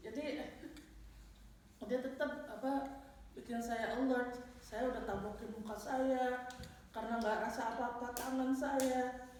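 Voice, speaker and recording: Woman, church testimony, animated storyteller, bit high, distant room mic, heavy echo, faint hiss. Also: a little slow, pauses often. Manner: animated storytelling, switching into English phrases. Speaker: church member giving a testimony. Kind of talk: personal testimony at a Bible study. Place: large echoey room at a church Bible study.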